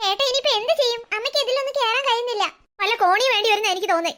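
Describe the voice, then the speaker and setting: A woman's voice: very high voice, rapid-fire, pushed and bright. A woman voicing a bossy mother in a cartoon who scolds her kids and frets. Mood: worried. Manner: scolding, fretful.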